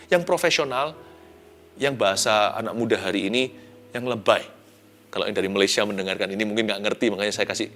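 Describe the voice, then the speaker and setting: A man preaches a devotional message in a fairly high voice, his delivery swinging between soft, hushed passages and loud, emphatic bursts. He drops English phrases into his talk. Gentle music plays faintly beneath him. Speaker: pastor. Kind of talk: devotional sermon. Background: soft background music.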